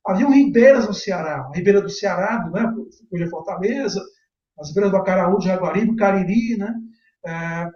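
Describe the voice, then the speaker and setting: A high-voiced man hosts an academic live stream, posing questions and ending many phrases with a quick tag question. He sounds like he is in a roomy, echoey space, and the call audio is dull and lo-fi. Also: darkish tone. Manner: asks questions, adds frequent tag questions. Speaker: host and interviewer.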